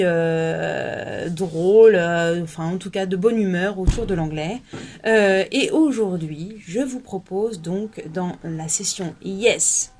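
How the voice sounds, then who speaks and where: A woman hosting a relaxed language workshop video. She talks in a chatty, hesitant way, pausing often on fillers and restarting her sentences, at an ordinary pitch for a woman. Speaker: English workshop leader. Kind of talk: casual video lesson.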